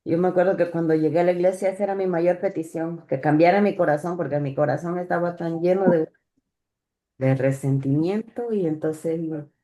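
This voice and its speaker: A woman giving a personal religious testimony in church. She speaks haltingly, stopping and repeating words as she goes. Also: on the low side, warm tone. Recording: echoey church room.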